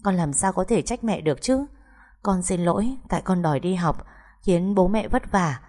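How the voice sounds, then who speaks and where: A woman's voice: on the low side, lively intonation, moderate pace, dark tone. A woman reading the part of an anxious teenage daughter facing university exams, speaking politely and pleadingly. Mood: worried, pleading.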